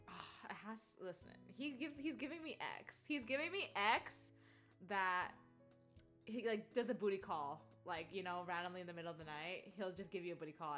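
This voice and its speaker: A woman's voice: fairly low pitch, a bit bright. A woman streaming a game live, reading its text aloud and reacting with playful, giggly squeals.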